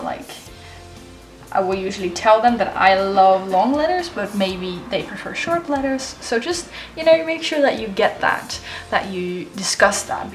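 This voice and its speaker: A woman's voice: mid-range voice, echoey room. A woman chatting casually as she hosts a how-to vlog, her speech slightly off from a swollen jaw. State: swollen jaw after wisdom teeth removal, speech slightly impeded. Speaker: letter-writing blogger and video host.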